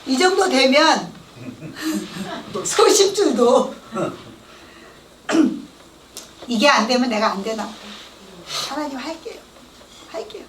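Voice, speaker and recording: A middle-aged woman giving a church testimony, telling her story in a lively way and acting out the voices of the people she quotes. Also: sits high, very slow, pauses often, a little hiss or hum. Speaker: testimony speaker. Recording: echoey hall, mic at a distance.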